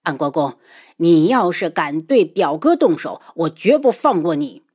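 A woman's voice: fairly low pitch, sing-song, normal speed, darkish tone. A woman voicing a hot-headed, stubborn young man in an audiobook, earnest and defiant. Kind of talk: audiobook character voice.

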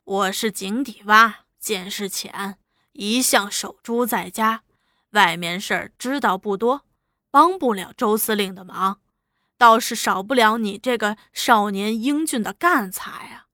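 A woman's voice: mid-range voice, unhurried, bright, forceful tone, no echo, clean studio sound, pitched below the performer's own voice. A woman voicing a shrewd, modest old squire. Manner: self-deprecating, guarded, probing. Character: older man, modest, shrewd local squire. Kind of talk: storytelling dialogue.

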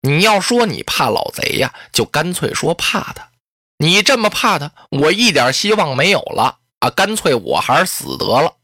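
A storyteller voicing a tearful young beauty who pleads slowly with her lover, in traditional Chinese storytelling. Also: medium pitch, sing-song, bright, forceful tone, dry recording, studio quality. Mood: hurt reproach. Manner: weeping, drawn-out pleading speech.

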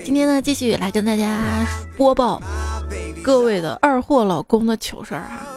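Here a woman hosts a segment of funny listener stories, reading them casually for laughs and teasing as she goes. Her voice sits a little high and moves at a normal speed, with background music under it.

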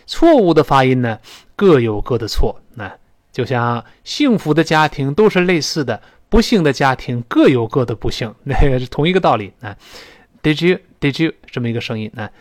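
A man teaching a spoken English lesson, explaining phrases and modelling pronunciation slowly. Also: no echo, studio quality. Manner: lively explanatory teaching, rising to high pitch for emphasis.

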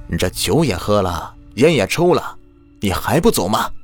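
A man voicing a stern old village exorcist who scolds and commands loudly. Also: lowish voice, sing-song, moderate pace, soft background music. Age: older.

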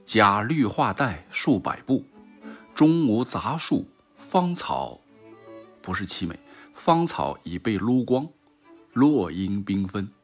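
A man telling a humorous story as a monologue, with a Shanghai Mandarin accent, switching between excited crowd voices and calm narration. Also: fairly low pitch, slow, faint music behind. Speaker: comic storyteller.

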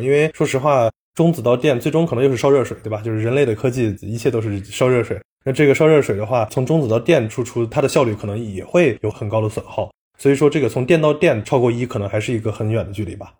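Mellow-voiced male podcast host. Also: mid-range voice, slightly rough. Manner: thoughtful, long probing questions. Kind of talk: interview questions.

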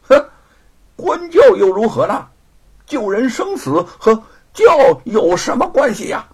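A man voicing a blunt, hot-tempered strong man in a storytelling performance, with a gruff, shouting manner. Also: extremely high pitch, sing-song, a little slow, voice pushed up, full character voice. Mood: bold.

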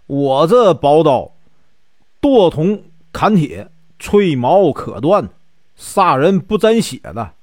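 A man's voice: on the high side, sing-song, slow pace, darkish tone, no echo, clean studio sound, exaggerated voice. A man voicing a proud, down-on-his-luck warrior who speaks firmly. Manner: firm, proud.

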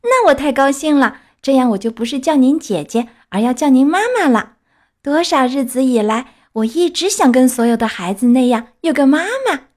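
A woman voicing an eager, excitable wooden puppet boy in a children's story reading, high and pleading. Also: normal speed.

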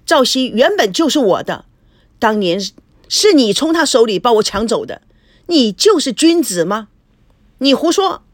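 A woman voicing an indignant young woman who answers back with a sharp, mocking tongue. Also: fairly high pitch, very animated, unhurried, no room sound, clean studio sound, pitched above the performer's own voice.

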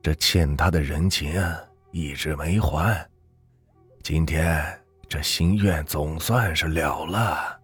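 A man voicing the ghost of an old man who speaks slowly and fondly, with a husky, drawn-out voice. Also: very deep voice, no echo, soft background music, exaggerated voice. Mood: wistful. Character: old male ghost, kindly and wistful.

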